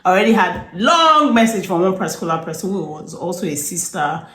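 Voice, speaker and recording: A woman, a herbalist, telling stories calmly with a lot of "you know". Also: lowish voice, a little fast. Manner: calm, rambling storyteller with frequent "you know". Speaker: herbalist and nutritionist. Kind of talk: storytelling in an interview. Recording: echoey room.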